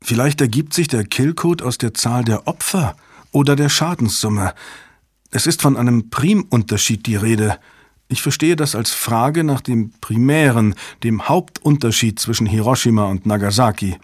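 A man narrating a thriller audiobook in a steady, even storytelling manner on a close microphone. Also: medium pitch, moderate pace, dry recording. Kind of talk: scripted narration.

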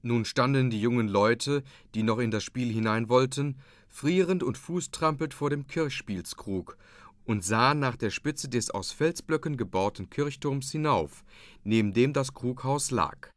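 A man reading a story aloud in a scripted narration style, lively and voicing the characters' quoted lines. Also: medium pitch, measured pace, dry recording, studio quality. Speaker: audiobook reader.

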